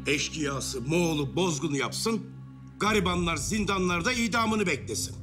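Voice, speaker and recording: A defiant village craftsman, played by a man, argues in a historical drama. His voice is high and indignant, full of rhetorical folk phrases. Music plays behind him. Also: lively intonation, moderate pace, lightly acted. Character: hot-headed, defiant male village felt-maker.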